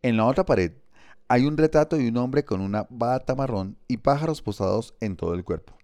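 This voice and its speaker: A man narrating an audiobook in a measured, vivid storytelling manner. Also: medium pitch, animated, darkish tone, no room sound, studio quality.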